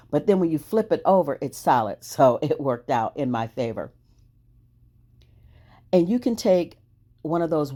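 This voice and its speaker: A woman's voice: sits low, mellow. A woman hosting a crafting video, chatting cheerfully through each step and laughing at her own struggles. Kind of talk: casual crafting voice-over.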